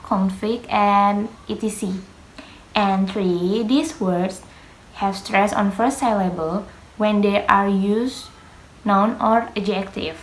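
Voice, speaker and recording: Teaching a lesson on pronunciation, a young woman student speaks in a mid-range voice, hesitating and stopping frequently for fillers at a slow pace. She is a young adult whose native language is Indonesian, with minor grammar errors in her English. The room echoes.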